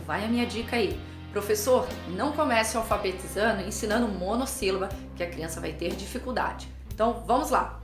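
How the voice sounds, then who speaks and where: A woman with a fairly high voice explains teaching methods to teachers. She talks in a lively way and keeps acting out little scenes between teacher and pupil. Her voice rings in an echoey room, and faint music plays behind her. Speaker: teacher and educational psychologist.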